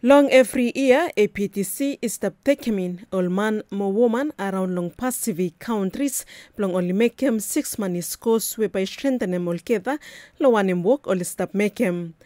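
A woman news reporter delivers scripted narration in Melanesian Pidgin with a Vanuatu accent. Her tone is dark and mellow, and the recording is close and dry. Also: mid-range voice, normal speed, dry recording.

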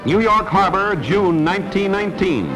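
A man's voice: high voice, expressive, moderate pace, poor audio. Man in old newsreel narration over music. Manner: clipped headline phrasing, drops articles. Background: loud music.

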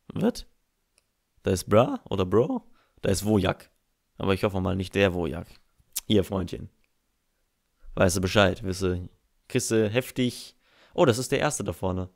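A man's voice: fairly low pitch, gravelly. A young man with a German accent giving casual, rambling gameplay commentary as a let's play host, swearing freely and poking fun at himself.

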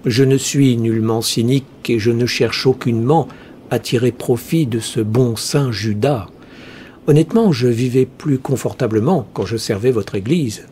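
A man voicing a cheerfully cunning male heretic priest, speaking slowly in a smooth, almost chanting way. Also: mid-range voice, mellow, slight background noise, lightly acted. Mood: sly. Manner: slow, smooth, chanting delivery.

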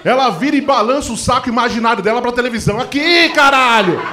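A middle-aged man doing a stand-up comedy routine, telling animated stories full of acted-out quotes. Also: extremely high pitch, rapid-fire. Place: comedy stage before a live audience. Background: audience laughter.

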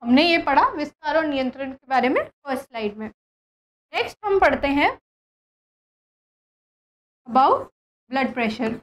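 Woman teacher, high voice, revision lesson, asks students questions, repeats key words. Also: lively intonation, a little slow, pauses often. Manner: mixes Hindi and English, repeats terms, asks students questions. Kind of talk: recorded class lesson, revision.

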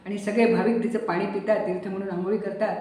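A woman voicing a devout, patient woman who coaxes and gently scolds her friend. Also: medium pitch, level tone, fast talker, lightly acted. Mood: coaxing. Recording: very echoey room, distant mic, faint noise.

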